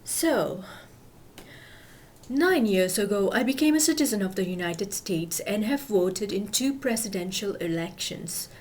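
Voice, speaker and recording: A woman from Malaysia, giving scripted voice-over narration in a measured, explanatory way. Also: mid-range voice, animated, darkish tone, slight background noise, low-quality recording. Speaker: video narrator.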